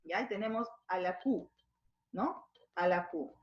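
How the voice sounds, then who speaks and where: Female Peruvian teacher, mid pitch, explains patiently; echoey, muffled home-recorded lesson. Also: lively intonation, unhurried. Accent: Peruvian Spanish. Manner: explanatory, checks in with frequent tag questions. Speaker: schoolteacher.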